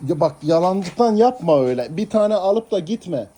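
High-voiced man coaxing his pets. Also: animated, moderate pace, warm tone. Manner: coaxing, pleading pet talk. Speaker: pet owner. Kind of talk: casual talk to pets.

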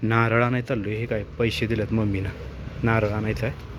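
A man's voice: fairly low pitch, level tone, a little fast, slight background noise. A young man narrating his errands in a casual vlog. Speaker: vlogger. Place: home and street, outdoors at times.

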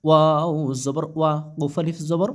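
A man teaching Quran reading, spelling out each letter and vowel mark slowly, then chanting the joined words. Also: fairly high pitch, level tone, clean tone. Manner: slow, syllable-by-syllable spelling with drawn-out recited phrases.

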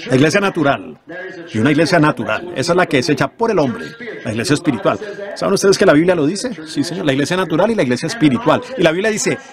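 A man preaches through a sermon in a somewhat high voice, pressing the congregation with rhetorical questions. The clear sound of a congregation runs behind him, from an old sermon tape. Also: expressive, racing, a crowd in the background. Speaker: simultaneous interpreter of a sermon. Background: congregation in a church.

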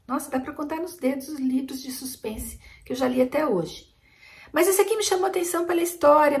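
A woman's voice: high-pitched, creaky, a little mellow. A woman hosting a casual book vlog, chatting about new books and stumbling over foreign names. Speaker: book channel host.

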